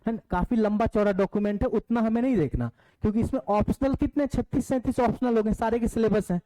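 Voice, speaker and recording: Male teacher with an Indian accent, warm dark tone, teaching an online class and checking in with the students. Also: high-pitched, rough recording. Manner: explains step by step, asks the class questions; reads syllabus points aloud slowly in English.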